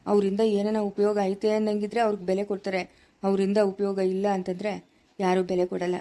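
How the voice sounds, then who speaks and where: Woman as a fatherly village elder, insistent and lecturing, mellow dark tone, mid pitch, Chikkaballapura Kannada. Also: monotone, fast talker, natural voice. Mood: firm. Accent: Kannada, Chikkaballapura area. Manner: insistent, lecturing, repeating lines. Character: older village man as father figure, firm. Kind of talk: amateur family village drama.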